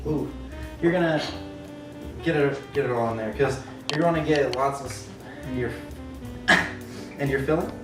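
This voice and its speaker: A man rambling in a giggly, drunk, goofy way during casual cooking banter. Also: a little high. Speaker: co-host of a cooking video. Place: indoor kitchen. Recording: echoey kitchen, far from mic, background music. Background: music, clattering dishes.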